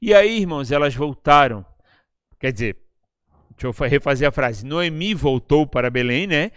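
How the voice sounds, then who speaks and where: A Brazilian Portuguese-accented man delivers a relaxed, conversational sermon at a church service. His voice sits a touch high and sounds smooth and resonant. The sound is close and dry, and he keeps checking in with his listeners as he goes. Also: normal speed, dry recording. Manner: chatty, tags lines with questions to the listeners. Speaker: preacher. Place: church service, live-streamed.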